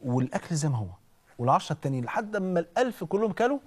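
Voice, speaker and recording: A man with an Egyptian accent preaching in an animated, conversational storytelling way, often checking in with listeners. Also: high voice, racing, slightly rough. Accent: Egyptian Arabic. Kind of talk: storytelling sermon.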